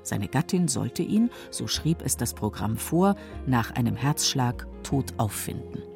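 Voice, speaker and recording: Gravelly dark-voiced woman narrator. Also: a bass voice, sing-song, a little slow, soft background music. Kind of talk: scripted radio narration.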